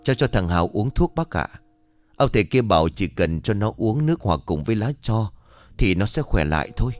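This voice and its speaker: A man's voice: lowish voice, very animated, a little fast, no echo, faint music behind. A man voicing an earnest young villager who urges and reassures his sick friend. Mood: reassuring. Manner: earnest, urging.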